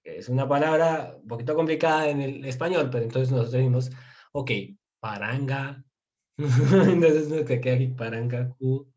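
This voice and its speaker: A man giving a relaxed, casual language lesson, explaining slowly and sounding out words bit by bit. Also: medium pitch, dull audio. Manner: relaxed, chuckles now and then. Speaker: Turkish language teacher.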